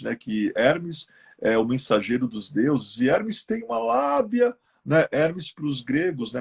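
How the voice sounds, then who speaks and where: A man's voice: mid-range voice, vocal fry, husky. A man with a Brazilian Portuguese accent, teaching about esoteric lore in a live-stream chat. He tells old myths as stories, often checking in with his listeners. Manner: lively explainer who acts out myths in quoted voices, with frequent tag questions. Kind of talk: storytelling lecture in a live chat.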